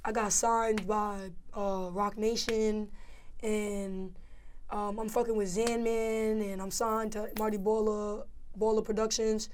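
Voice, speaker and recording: A woman's voice: medium pitch, flat delivery, takes it slowly, a little mellow, a little hiss or hum. A young woman with a New York accent, a rapper talking casually as an interview guest, laid-back and full of slang, often asking "feel me?".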